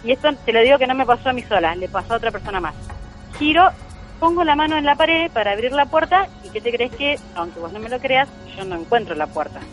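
A woman's voice: a little high, animated, quick pace, soft background music, poor audio. A woman with an Argentine accent telling a true ghost story as a guest, earnest and emphatic, repeating key phrases. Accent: Argentine Spanish.

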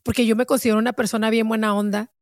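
A woman's voice: a little high, little pitch movement, very fast, dry recording, clean studio sound. A woman host in her forties, speaking emotionally in a casual conversation, swearing and switching into English.

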